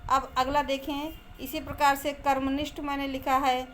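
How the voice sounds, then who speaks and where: A woman's voice: sits high, flat delivery, moderate pace, a bit bright, a little hiss or hum. A middle-aged woman teacher explaining a grammar lesson, patient and repetitive, often checking that students follow. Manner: patient, repeats points with checking tags.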